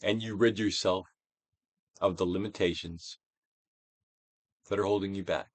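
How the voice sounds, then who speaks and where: This self-help audiobook gets a theatrical treatment from a man with stage-trained delivery. He sits low in pitch with fairly even intonation, yet his emphatic, drawn-out phrases build into large dynamic swells and sink to hushed drops. The audio is dry.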